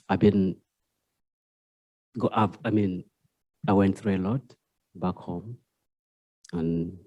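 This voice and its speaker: Man from Uganda, very low voice, slow and halting, open mic speaker. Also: lo-fi sound. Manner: hesitant, halting, soft-spoken. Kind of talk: nervous personal introduction. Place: university exhibition room with seated audience.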